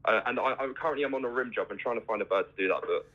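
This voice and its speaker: A man's voice: mid-range voice, rapid-fire. Chatty male caller on a dull phone line. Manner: chatty, tags sentences with "you see". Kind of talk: casual phone-in chat.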